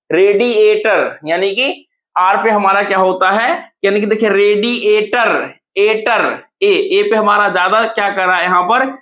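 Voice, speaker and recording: A man teaching an exam-prep lesson, who asks and answers his own questions and repeats words slowly to show where the stress falls. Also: high voice, fairly bright tone. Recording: echoey room.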